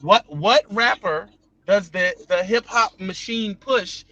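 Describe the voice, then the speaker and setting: A man's voice: high-pitched, takes it slowly, bright, forceful tone, no room sound, highs cut off. A man hosting a podcast over a remote call, talking passionately and often repeating words as he starts a point. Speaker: podcast host. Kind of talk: casual podcast discussion.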